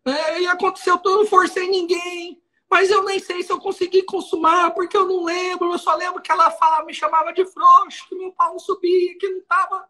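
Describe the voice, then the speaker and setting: A man voicing a desperate accused man, crying and confessing in a shrill, shouting wail. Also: flat delivery, a little fast, heavily acted, poor audio. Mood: sobbing. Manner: high-pitched wailing, shouting out.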